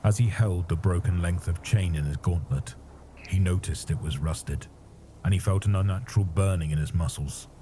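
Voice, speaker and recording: A man narrating a story in a measured, grave manner. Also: deep voice, warm tone, a little hiss or hum. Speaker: audiobook narrator. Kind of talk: scripted narration.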